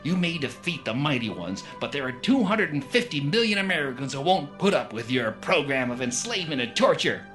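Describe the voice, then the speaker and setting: A man as a forceful, defiant patriotic superhero. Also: fairly high pitch, sing-song, fairly quick, hardly any pauses, faint music behind. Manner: earnest, forceful declaiming. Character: patriotic, defiant, square-jawed male superhero.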